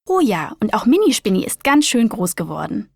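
A woman's voice: medium pitch, very animated, fairly quick, gravelly, breathy edge, dry recording, clean studio sound, exaggerated voice. Woman reading a friendly doctor's assistant. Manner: friendly, gentle, explaining. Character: kind female doctor's receptionist. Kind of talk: children's story reading.

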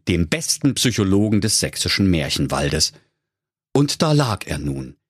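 Male storyteller with a low, lively, deadpan reading and a dry, close sound. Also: breathy edge, dry recording. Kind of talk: comic storybook narration.

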